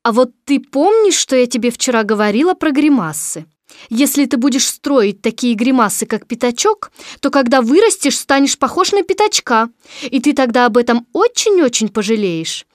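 A woman voices a motherly kangaroo in a storybook, coaxing and fussing with tenderness but firmness, here scolding firmly. Her delivery is high, animated, moderately paced, and pitched above her natural voice, captured in clean studio sound with no echo.

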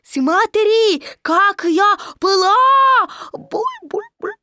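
A woman voicing a tiny excited young male kangaroo in a storybook reading, with squeaky, drawn-out boastful cries. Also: a little hiss or hum, full character voice. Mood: gleeful, boastful. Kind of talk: storybook read-aloud.

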